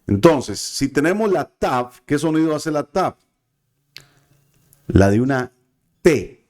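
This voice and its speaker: A man's voice: a little high, big pitch swings, slow pace, darkish tone. A man teaching a biblical Hebrew class, patient and careful, often checking in with his students. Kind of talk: classroom lesson.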